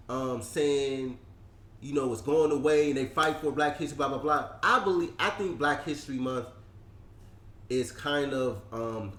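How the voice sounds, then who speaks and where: A man co-hosting a casual barbershop discussion, talking in an animated way and climbing higher when he presses a point. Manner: animated, rising pitch when stressing points. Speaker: podcast co-host. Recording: echoey room.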